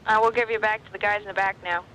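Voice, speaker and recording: A man's voice: high voice, fairly even intonation, fast, heavy background noise. A man speaking as a mission control communicator, clipped and businesslike, over a breaking-up space radio link. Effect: breaking-up space radio transmission. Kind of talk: procedural space-to-ground radio chatter.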